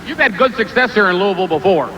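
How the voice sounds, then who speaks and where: High-voiced male tractor pull announcer. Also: animated, fast talker, pushed and bright, muffled recording, slight background noise. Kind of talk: broadcast-style tractor pull announcer commentary and interviews.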